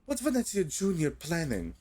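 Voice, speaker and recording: A man pitching his voice up to play a sly young gang enforcer who taunts and teases. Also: wildly swooping pitch, moderate pace, warm tone, soft background music. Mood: mocking. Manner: taunting, teasing.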